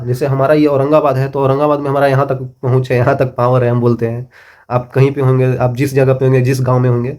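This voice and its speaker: A man's voice: medium pitch, dark tone. A middle-aged man teaching a physics lesson, explaining with repeated checks and everyday examples. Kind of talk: classroom lecture.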